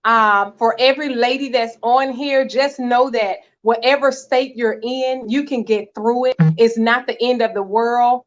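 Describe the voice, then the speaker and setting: A woman marriage coach talks straight to her listeners, earnest and encouraging. Her voice sits high. The audio is somewhat dull and lo-fi. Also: steady tone, a little slow, few pauses. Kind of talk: heartfelt church talk show chat.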